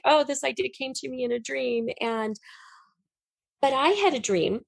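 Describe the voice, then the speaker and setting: Her pitch is medium, and the recording has no echo. She is a middle-aged woman and an audio drama writer, appearing as an interview guest who tells stories in a lively, emphatic, frank, conversational manner and laughs easily.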